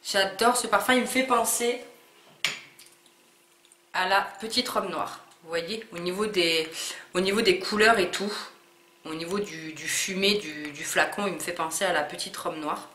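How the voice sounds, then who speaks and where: A woman's voice: fairly low pitch, moderate pace, pushed and bright. A woman chatting through a casual unboxing vlog, hesitant, with many fillers and restarts. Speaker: beauty vlogger. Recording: echoey room with faint noise.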